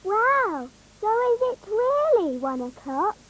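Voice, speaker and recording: A woman's voice: very high-pitched, very animated, slow pace, a bit bright, exaggerated voice, rough recording. A woman voicing a sweet, eager little fairy princess in a children's cartoon, curious and childlike, with a British accent. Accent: British English. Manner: curious, childlike, wide-eyed.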